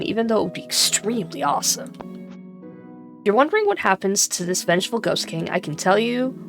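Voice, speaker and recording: Here a woman's mid-range, gravelly voice carries the narration of an interactive gamebook, interrupted by casual, cheeky asides full of swearing and self-directed laughter. There's background music throughout.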